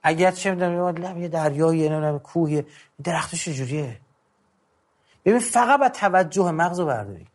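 A middle-aged man speaking to an audience in a relaxed, conversational lecture style. His voice sits fairly high for a man. He stresses key points and counts off tips one by one. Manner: conversational, emphatic, lists numbered tips. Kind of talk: informal talk on controlling anger.

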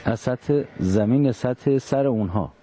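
A man's voice: medium pitch, warm tone. A man hosting an interview, asking precise questions and pressing for exact details. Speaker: interviewer host. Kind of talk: probing studio interview.

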